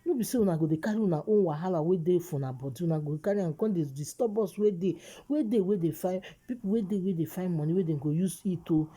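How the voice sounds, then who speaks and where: Nigerian lady doing pidgin gossip vlog, deep husky voice, keeps repeating stuff to make her point. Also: fast, few pauses, warm tone. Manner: exhortative, repeats phrases for emphasis.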